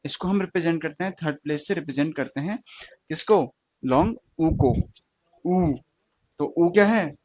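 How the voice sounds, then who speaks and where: A man's voice: a little high, moderate pace, long pauses, a little mellow, breathy edge, no echo, dull audio. A male teacher explaining stenography step by step, repeating words and asking his students questions. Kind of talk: classroom lesson.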